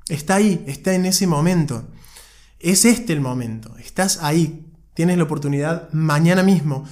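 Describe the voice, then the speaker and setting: A man's voice: fairly high pitch, moderate pace, darkish tone. A man co-hosting a podcast, giving an earnest motivational talk and telling a story, speaking directly to the listener with frequent restarts. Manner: frequent restarts and repeated words. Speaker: podcast co-host.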